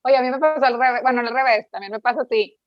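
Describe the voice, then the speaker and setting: A woman's voice: on the high side, racing, no room sound, dull audio, faint music behind. A woman with a Mexican Spanish accent, reflecting and telling a family story in casual conversation.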